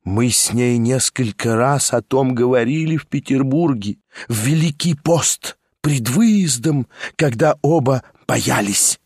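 A man reading an audiobook, voicing a frightened, tearful aging gentleman who pleads in a hushed, anxious way and drops in French phrases. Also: mid-range voice, measured pace, husky, no echo, studio quality. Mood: anguished.

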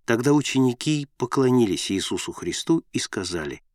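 A man reading a Bible story aloud in a measured, solemn narration. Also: mid-range voice, lively intonation, no echo, clean studio sound.

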